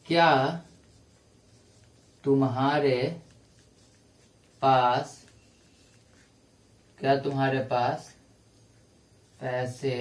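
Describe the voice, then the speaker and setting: A male English teacher giving a classroom lecture, explaining grammar rules step by step and repeating each example slowly. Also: medium pitch. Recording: echoey room, voice from a distance.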